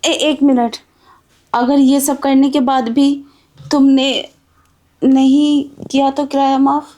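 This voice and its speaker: A woman's voice: high-pitched, flat delivery, slow, warm tone. A woman playing an anxious young married woman behind on rent, who sounds worried, hesitant and defensive, in an amateur drama skit.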